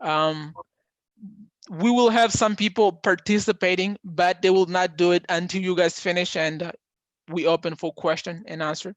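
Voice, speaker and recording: A man hosting an online meeting in a relaxed, halting way, often repeating his words. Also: high voice, dry recording. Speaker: meeting host. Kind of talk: casual video-call chat. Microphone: video call.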